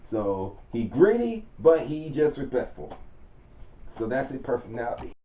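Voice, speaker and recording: A man at medium pitch, with a warm tone and big swings in pitch, rambles casually and a little slowly through a rundown of a story character he created for his channel. His grammar is informal and he corrects himself mid-sentence. The home recording is roomy, dull and lo-fi, with slight hiss or hum.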